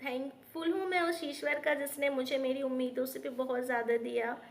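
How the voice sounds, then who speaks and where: A woman's voice: high-pitched, steady tone, brisk. A woman, earnestly telling her own life story in a vlog and mixing in English words. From Uttar Pradesh, India. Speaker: teacher and YouTuber.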